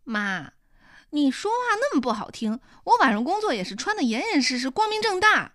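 A woman's voice: high-pitched, very animated, fairly bright tone, no room sound, studio quality. A woman reading an audiobook, voicing a bitter young woman who argues defensively with her mother. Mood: indignant. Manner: indignant, complaining, quick.

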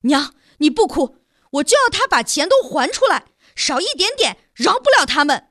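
A woman voicing a dim-witted, hot-tempered, strong young village man who stammers and shouts bluntly in a storybook reading. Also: high-pitched, very animated, moderate pace, pitched above the performer's own voice. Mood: indignant. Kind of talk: storybook narration.

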